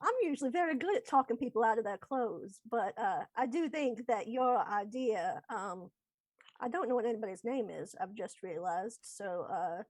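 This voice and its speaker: A woman playing a tabletop game, speaking in a halting, playful way with many fillers. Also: a little high, lively intonation, darkish tone, no echo. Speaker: player. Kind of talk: tabletop role-play chat.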